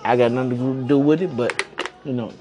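A man's voice: medium pitch, steady tone, fairly quick, muffled recording, over music. A man hosting a casual podcast from home, rambling along in slang and swearing freely. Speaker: podcast host. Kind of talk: casual chat.

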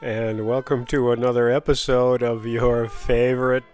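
A man hosting a podcast, narrating in simple, deliberate, jokey phrases for language learners. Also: medium pitch, flat delivery, a little mellow, smooth, faint music behind. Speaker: podcast host.

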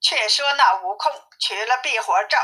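A woman reading a classic tale aloud as a storyteller, in a lively, clear way. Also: a little high, normal speed. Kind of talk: children's story narration. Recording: tinny phone-like sound.

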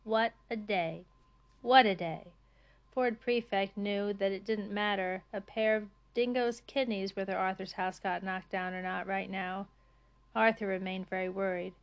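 A woman reading a comic novel aloud as narrator, with a measured, dry delivery. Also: mid-range voice, steady tone, clear, resonant tone, lo-fi sound.

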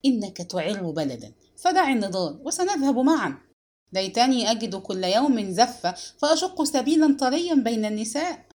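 A woman voicing a firm, mocking older brother in an audiobook, speaking lower and more quietly than her narration. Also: sing-song, normal speed. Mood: teasing. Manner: firm, scolding.

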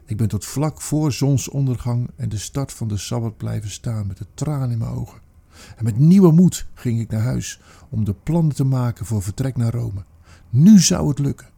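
Dark gravelly man, intense dramatic monologue. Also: medium pitch. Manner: intense, emphatic, with slow deliberate pauses. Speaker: narrator.

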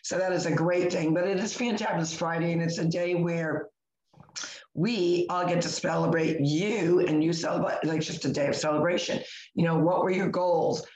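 A hoarse woman who has nearly lost her voice, chatting casually and encouragingly as co-host of a morning livestream. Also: on the low side, steady tone, moderate pace, a little mellow. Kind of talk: casual motivational chat. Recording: echoey room.

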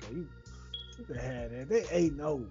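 A man's voice: mid-range voice, animated, fairly quick, warm tone. A man with an American accent debating sports casually, argumentative and repeating his points. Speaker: sports podcast host. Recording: roomy muffled audio, music underneath.

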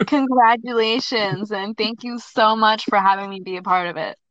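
Female guest, mid-pitched, lively storyteller, on dry muffled audio. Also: moderate pace, no room sound. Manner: animated, laughing storyteller. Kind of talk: casual storytelling on a podcast.

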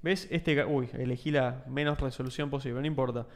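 A man's voice: mid-range voice, steady tone, fairly quick. An Argentine man co-hosting a podcast, explaining things in casual slangy chat. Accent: Argentine Spanish. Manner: explanatory, loose slangy talk. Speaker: podcast co-host.

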